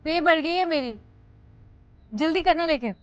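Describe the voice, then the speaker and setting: An actress playing a loud woman calling out an order at a street food stall in a TV drama. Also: normal speed, no room sound, dull audio. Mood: brash. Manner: shrill, brash calling out. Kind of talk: TV horror drama acting.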